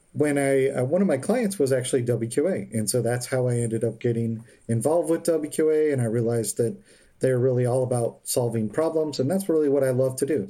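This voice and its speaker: Measured man with a mellow voice. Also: medium pitch. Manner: measured, explanatory. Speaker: technical director, guest. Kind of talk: interview answers.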